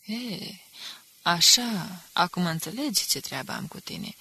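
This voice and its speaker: A menacing, ironic male agent taunts his captive in a low, gravelly voice, read by a woman. The delivery is husky and dry, like a storybook reading. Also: lively intonation, sharp tone, dry recording, full character voice. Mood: mocking. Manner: ironic and threatening.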